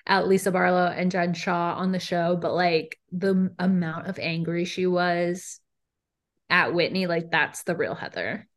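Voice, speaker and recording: A young woman with a lower-pitched voice chats casually as a podcast co-host. She talks in animated runs, full of "like" and "um". Her delivery is loose and conversational. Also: measured pace. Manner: animated, frequent "like" and "um", laughs between lines. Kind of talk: casual chat.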